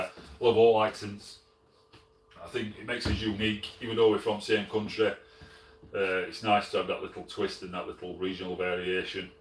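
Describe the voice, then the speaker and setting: A middle-aged man with a Sheffield Yorkshire accent, casually answering live chat as host, relaxed and full of fillers and restarts. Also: on the low side, far from the mic. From Sheffield, England. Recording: roomy, from off the mic.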